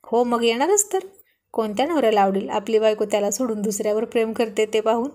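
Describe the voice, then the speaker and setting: A woman's voice: on the high side, quick pace, lightly acted. A woman voicing a young husband teasing his wife on the phone in a Marathi storybook reading. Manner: gentle playful teasing.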